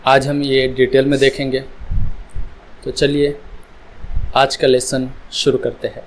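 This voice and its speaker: Man, English teacher, very slow deliberate delivery, mid-pitched voice. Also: slight background noise, low-quality recording. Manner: slow, drawn-out sounding of letters. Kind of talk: slow spoken English lesson.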